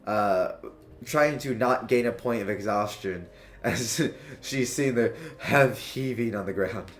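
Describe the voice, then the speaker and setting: A man's voice: on the low side, slow pace, echoey room, faint music behind. Man narrating as game master. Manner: loose descriptive narration, many fillers.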